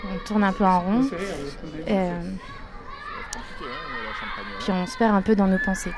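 A woman telling a game as a present-tense story in a lively, casual way. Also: mid-range voice, brisk, over music.

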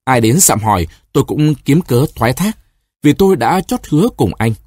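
A distraught young woman , voiced by a male reader, begs and reproaches her lover. Her tone is husky and raised, pleading with an edge of bitterness. The sound is dry and close, as in a storybook reading. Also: mid-range voice, very animated, moderate pace, a little mellow, no echo. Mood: reproachful.

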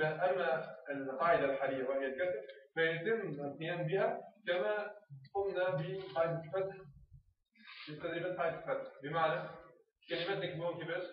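Man teaching in an echoey hall. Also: a little high. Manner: repeats phrases slowly, drills words aloud. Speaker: teacher trainer. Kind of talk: classroom instruction on teaching reading. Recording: echoey room, far off, phone-like sound.

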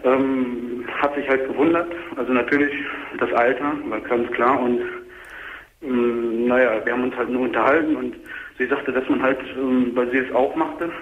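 A young man in his twenties phones in from his car, hesitant and halting as he talks. His voice comes over a narrow, tinny line that sounds like a speakerphone, with a hollow echo. A faint hiss sits underneath. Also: mid-range voice, flat delivery. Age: 20s. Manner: hesitant, many filler sounds. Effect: caller on a phone line that sounds like a speakerphone. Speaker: caller. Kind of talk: caller recounting his story.

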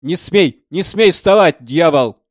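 A man voicing an excitable young portrait painter who talks loudly and insistently, in a storybook reading. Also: fairly high pitch, moderate pace, dry recording, clean studio sound, pitched above the performer's own voice, close to an everyday voice. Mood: frightened.

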